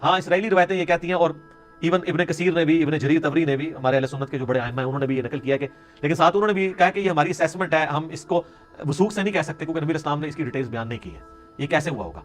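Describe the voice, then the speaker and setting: A man's voice: a little high, soft background music. A man from Pakistan, an Islamic scholar, giving a conversational religious lecture with sarcastic asides. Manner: explanatory, conversational with sarcastic asides and Punjabi interjections.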